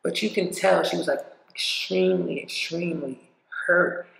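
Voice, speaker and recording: A woman's voice: deep voice, sing-song, moderate pace, gravelly, fairly bright tone, roomy sound, poor audio. A woman vlogger talking bluntly and profanely in a rambling, casual opinion rant.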